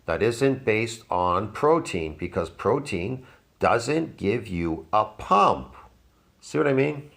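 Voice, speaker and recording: A man in his fifties mocks a fitness clip with sarcastic reaction commentary. His creaky, slightly bright voice jumps widely in pitch as he takes his time speaking.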